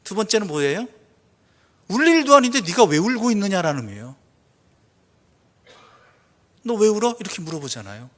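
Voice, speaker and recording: A male pastor preaching a sermon, asking the congregation questions, answering them himself, and reading scripture slowly and softly. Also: high voice, sing-song. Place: church sanctuary. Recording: long church reverb.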